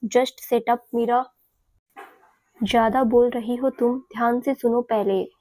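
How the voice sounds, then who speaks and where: A woman's voice: a little high, flat delivery, moderate pace, dark tone, no echo, lightly acted. Woman reading a stern, domineering young man. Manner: curt, commanding.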